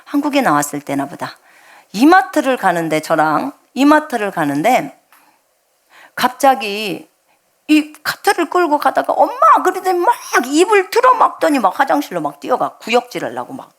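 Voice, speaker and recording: A woman's voice: a little high, normal speed. A middle-aged woman preaching a sermon as a missionary, telling stories and acting out quoted dialogue. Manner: animated storytelling, acts out quoted dialogue. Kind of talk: sermon with storytelling.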